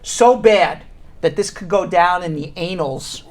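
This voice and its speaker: A man's voice: sits high, a little slow. A man with a Brooklyn accent hosting a live show in casual, joking banter, repeating phrases for emphasis.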